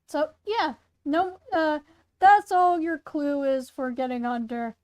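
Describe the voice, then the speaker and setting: A woman's voice: high-pitched, steady tone, takes it slowly, darkish tone. A young woman casually reading her own story aloud, rambling and correcting herself as she goes. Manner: rambling, self-correcting, chatty. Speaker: storyteller and content creator.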